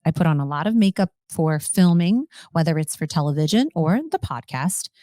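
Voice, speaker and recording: A woman's voice: deep voice, lively intonation, moderate pace, warm tone, dry recording, clean studio sound. A woman hosting a podcast in a casual, upbeat, chatty way, enthusing about products. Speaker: podcast host. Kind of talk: casual chat.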